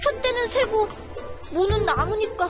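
A woman's voice: fairly quick, music in the background, natural voice. A woman voicing an impulsive, naive young girl in a game, with a bubbly way of talking. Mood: naive eager.

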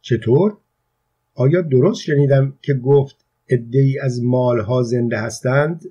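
A stern, penny-pinching old peasant woman in her seventies, read by a man, speaks slowly and firmly without raising her voice. The tone stays husky, and the recording sounds muffled and lo-fi. It belongs to a storybook reading. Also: warm tone, close to an everyday voice. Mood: puzzled. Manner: measured, firm, low-voiced.

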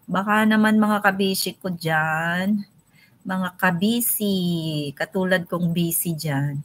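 A woman's voice: fairly low pitch, slow pace. A young woman hosting a casual live stream, chatting and greeting viewers by name.

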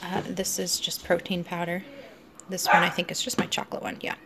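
A woman's voice: lowish voice, completely flat delivery, brisk. A woman in her thirties chatting casually in her home kitchen, showing pantry staples with plenty of ums and easy laughs. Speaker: food vlogger. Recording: noisy home recording.

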